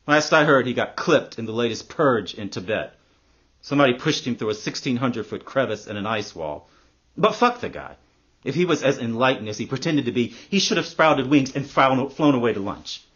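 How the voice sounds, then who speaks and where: A man playing a husky, profane, embittered man. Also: mid-range voice, sing-song, moderate pace, muffled recording. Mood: ranting, bitter. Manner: sardonic and profane, hushed storytelling turning to loud ranting. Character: embittered middle-aged man, crude, vindictive, sardonic. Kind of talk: acted dramatic monologue.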